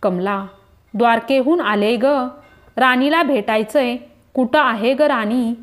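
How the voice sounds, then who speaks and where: A woman's voice: fairly high pitch, takes it slowly. A woman voicing an angry poor old woman who scolds with bitter reproach in a devotional tale. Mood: asking.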